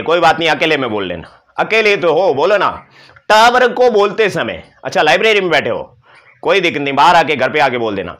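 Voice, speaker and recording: A man's voice: high voice, a bit bright. A male teacher giving an exam-prep lecture, explaining and demonstrating sounds with playful asides to his students. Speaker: Sanskrit teacher.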